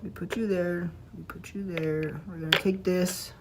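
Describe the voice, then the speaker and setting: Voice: medium pitch, steady tone, moderate pace, heavy background noise. A streamer chatting casually while painting, rambling and talking to themself about the work. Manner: rambling, self-talk while working.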